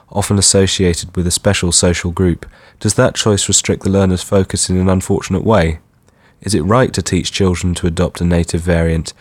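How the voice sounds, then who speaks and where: Low, even young British RP man. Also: no echo. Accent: broad Received Pronunciation, modern British. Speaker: accent sample speaker. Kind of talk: reading a passage and word list aloud.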